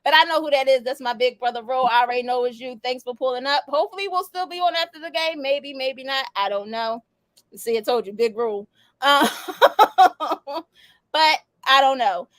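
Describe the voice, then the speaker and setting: A woman's voice: high voice, moderate pace, fairly bright tone, dry recording. A woman hosting a casual talk show, slangy and loose, laughing often. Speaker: podcast host. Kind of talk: casual chat.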